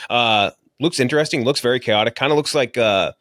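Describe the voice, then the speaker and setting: This man speaks at a medium pitch, fairly quickly, with a fairly bright tone, hosting a podcast where he chats bluntly and informally about movies. The studio-quality recording has no echo.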